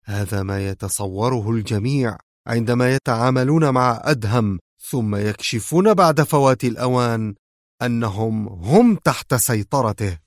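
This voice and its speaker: A man voicing a defiant female spy held captive, sharp and sarcastic in her replies. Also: mid-range voice, normal speed, no echo, clean studio sound, lightly acted.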